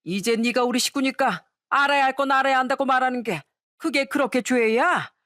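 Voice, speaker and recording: A woman's voice: sits high, fairly quick, fairly bright tone, no echo, studio quality, voice pushed up. A woman voicing a drunk, blunt older father-in-law who rambles and scolds, in a storytelling radio style. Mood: tipsy grumbling.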